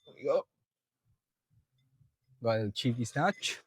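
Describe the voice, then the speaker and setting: A man's voice: medium pitch, lively intonation, slow pace, breathy edge, no room sound, poor audio. A young man in a gym, out of breath, coaching viewers step by step through a back workout. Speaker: fitness vlogger. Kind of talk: casual gym walkthrough.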